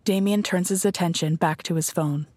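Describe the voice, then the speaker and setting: A woman narrating an audio drama in a measured, descriptive storytelling manner. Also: lowish voice, fairly even intonation, darkish tone. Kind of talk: scripted narration.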